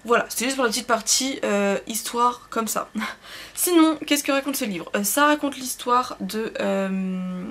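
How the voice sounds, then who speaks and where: Young woman, casual book vlog, rambling, hesitant, self-deprecating, fairly high voice. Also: measured pace, fairly bright tone. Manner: rambling, hesitant, many fillers and self-corrections; self-deprecating, laughs at herself. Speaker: book vlogger.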